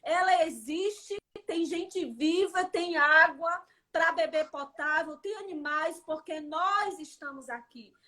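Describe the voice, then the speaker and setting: A woman preaches in a prayer livestream, her voice set high. She speaks fervently and keeps turning to her listeners as "dear". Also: takes it slowly, hardly any pauses, pushed and bright. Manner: fervent, addresses listeners as "querido".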